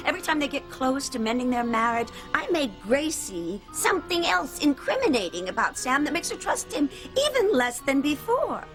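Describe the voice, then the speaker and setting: A woman's voice: sits high, sing-song, normal speed, hardly any pauses, over music. A cackling witch trapped in a bottle. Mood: gloating. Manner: cackling, scheming, theatrical. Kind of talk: TV soap opera acting.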